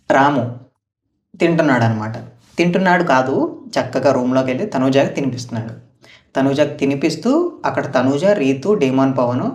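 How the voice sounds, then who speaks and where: A man's voice: mid-range voice, darkish tone. A man giving a casual recap of a reality show's episode, retelling the contestants' lines in quotes and adding his own opinions. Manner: chatty, retells house dialogue in quotes, opinionated asides. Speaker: show reviewer. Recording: roomy echo, voice far from mic.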